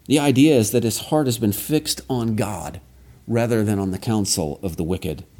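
A man delivers a sermon in a fairly low voice. He moves through scripture steadily and earnestly, leaning on key phrases with slow, deliberate emphasis. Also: darkish tone. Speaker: preacher.

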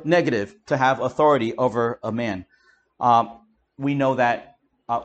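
Guy preaching, bit higher voice, emphatic and chatty, keeps restarting his sentences. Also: fairly bright tone. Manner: emphatic, explains in a conversational way with frequent restarts. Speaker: pastor. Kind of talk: expository Bible teaching.

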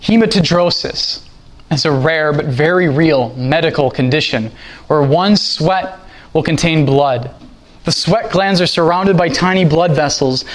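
A man delivers a sermon in a slightly raised voice. He reads scripture slowly and deliberately, pressing each phrase with earnest weight. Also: on the high side, rough recording. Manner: earnest preaching, slow and deliberate scripture reading. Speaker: preacher.

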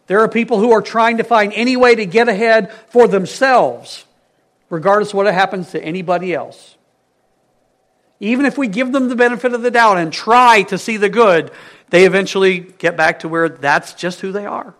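A man preaching a sermon, stressing key words loudly and dropping to hushed phrases, asking his congregation questions. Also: high voice, moderate pace. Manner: emphatic, swings between loud stresses and hushed phrases.

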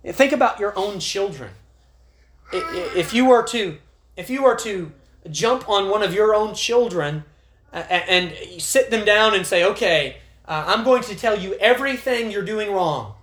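A man's voice: high voice, animated, measured pace, a bit bright. Earnest male preacher in an echoey chapel. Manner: earnest, rises to emphatic when reading scripture. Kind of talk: sermon at a prayer meeting.

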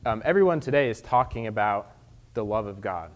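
A man with a fairly low voice speaks as a preacher. His delivery is measured and earnest, moving through scripture and teaching in a sermon style. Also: animated. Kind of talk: sermon with scripture reading and prayer.

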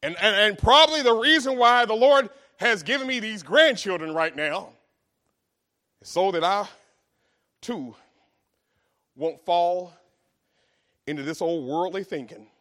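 High-voiced preacher, loud and soft. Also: male voice, expressive, unhurried, pauses often. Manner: preachy, swings from hushed asides to shouted exhortation. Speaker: pastor. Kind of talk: sermon.

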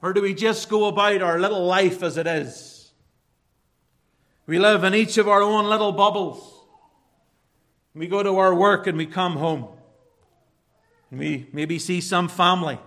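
An Irish man preaches from the front of a church in an earnest, measured way. His voice sits fairly high and rings bright and forceful. He stretches out key words for emphasis and leans on rhetorical questions. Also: steady tone. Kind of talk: sermon.

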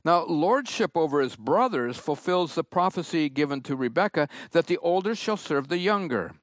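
A man preaching a sermon, reading and explaining scripture in a slow, emphatic way. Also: on the high side, animated, no room sound, clean studio sound. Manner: slow, emphatic Bible exposition.

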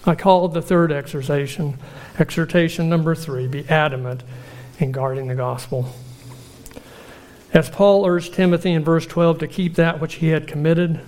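A man delivers a sermon in a slightly high voice. He speaks earnestly and at a measured pace, drawing out lists of phrases for emphasis. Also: steady tone, darkish tone. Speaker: preacher.

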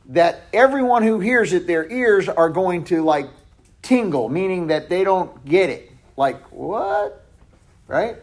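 A man leading a Bible study in a loose conversational way, often restarting and correcting himself, sometimes dropping his voice to a near hush. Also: fairly high pitch.

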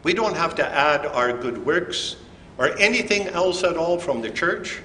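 A man preaching a communion sermon, his voice a little high for a man, every word slow and deliberate. He leans on key words with emphasis. The sound is roomy with a long hall reverb and a faint hum of room noise behind him. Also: lively intonation, pushed and bright. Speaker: pastor. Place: church sanctuary.

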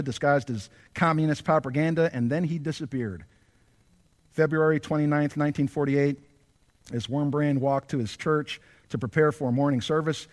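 A male pastor preaching a sermon, impassioned and building to near-shouts as he voices prayers. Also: medium pitch. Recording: long reverb of a large hall.

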